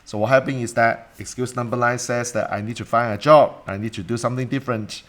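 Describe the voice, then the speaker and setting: A man in middle age speaks with a strong Cantonese accent at an average male pitch. He teaches like an informal coach on a live stream, blunt and emphatic. He repeats himself and leans on rhetorical questions. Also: steady tone, fast talker, fairly bright tone. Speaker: coach and mentor teaching a live online class.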